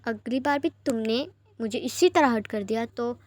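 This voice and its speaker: An ardent young prince insists on his devotion in a tender, passionate way, voiced by a woman in an audio fanfiction story. The voice is high and the recording close and dry. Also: moderate pace, dry recording, lightly acted.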